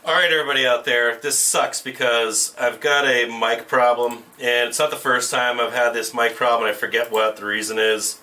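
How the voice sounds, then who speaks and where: A man's voice: mid-range voice, fairly even intonation, moderate pace, few pauses, bright, forceful tone, distant mic. A man hosting a casual trading livestream through a tinny camera microphone that makes him sound like he is in a tin can. He talks bluntly, swears freely and restarts his sentences. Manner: profane, blunt, restarts often. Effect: tinny tin-can sound from a camera mic.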